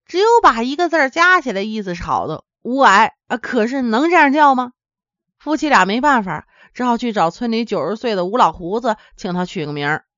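A woman's voice: fairly high pitch, fairly bright tone, no echo. A woman from Henan telling a folksy comic tale in a chatty way, speaking directly to her listeners. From Henan, China. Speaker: storyteller. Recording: dull, dry lo-fi recording.

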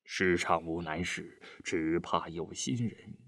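A man's voice: sits low, slow, a bit bright, no room sound, studio quality, heavily acted. Man reading as a bitter retired army man. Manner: bitter, curt, sighing.

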